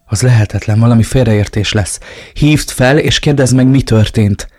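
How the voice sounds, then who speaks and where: A man's voice: on the low side, fairly even intonation, a little mellow, no room sound, studio quality. A man voicing a frightened, betrayed young woman in an audiobook, pleading and distraught. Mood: panicked. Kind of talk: audiobook reading.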